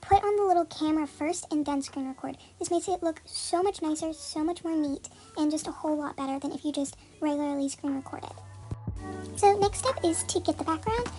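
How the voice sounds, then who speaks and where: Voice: a little fast, darkish tone. A tutorial host speaking through a voice changer that disguises their voice, chatty and full of "like" and "um". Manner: chatty, many "like" and "um" fillers. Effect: voice changer disguising the voice, pitched very high. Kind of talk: casual step-by-step tutorial.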